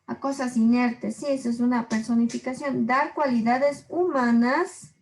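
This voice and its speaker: A woman teaching a language class, her voice sitting a little high. She is patient, stretching out each example and checking in with her students after every point. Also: fairly even intonation, a little mellow, poor audio. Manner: patient, repeats examples slowly and checks in with short questions. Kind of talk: explaining literary figures in a class.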